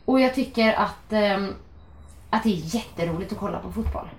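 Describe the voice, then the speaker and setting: A woman in her thirties chatting casually, lively and animated as she tells stories. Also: medium pitch. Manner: lively, animated storyteller who acts out shouting. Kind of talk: casual chat. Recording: echoey room.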